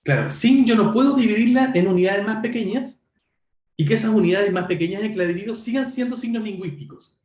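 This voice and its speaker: A man's voice: sits high, fairly quick, darkish tone, reverberant. A man giving an online linguistics lecture. He explains patiently, checks in with his students and often corrects himself mid-sentence. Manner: self-correcting, frequent "perdón". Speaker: university lecturer.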